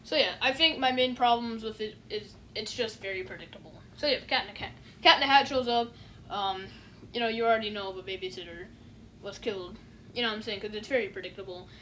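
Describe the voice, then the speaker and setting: A woman online reviewer talks fast in a mid-range, fairly bright voice, giving a casual review that rambles, is packed with fillers, and sounds dismissive and unimpressed. She keeps saying "you know what I'm saying," and there's a little hiss or hum.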